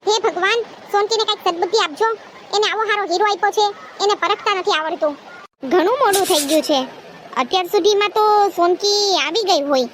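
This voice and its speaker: A woman's voice: very high-pitched, brisk, fairly bright tone. A woman doing a tender old cartoon mother-in-law. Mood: fond. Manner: tender, apologetic. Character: kind regretful elderly mother-in-law. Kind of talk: cartoon voice acting. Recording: noisy background hiss.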